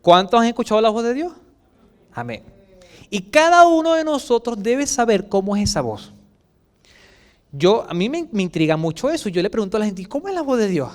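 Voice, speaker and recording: A man with a Chilean Spanish accent preaching a sermon as pastor, swinging between loud outbursts and soft asides and acting out quoted voices. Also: sits high, expressive, moderate pace, long pauses.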